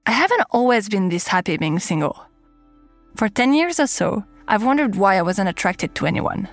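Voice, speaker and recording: A woman's voice: medium pitch, very animated, normal speed, dry recording, faint music behind. A woman in her thirties with a French accent, host of a podcast, telling her own story in candid scripted narration. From France. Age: 30s.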